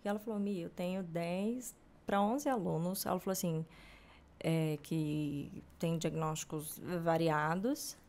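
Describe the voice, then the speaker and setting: A woman's voice: fairly low pitch, steady tone, a little slow, darkish tone. A woman from Brazil, hosting a podcast in casual conversation, who retells a friend's story and quotes her at length. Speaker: podcast host.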